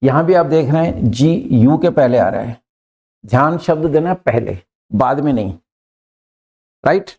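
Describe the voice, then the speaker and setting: A man teaching English pronunciation in a patient lesson, repeating key points and checking in with "clear?" and "right?". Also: mid-range voice, lively intonation, unhurried, long pauses, a little mellow. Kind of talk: explanatory lesson mixing Hindi and English.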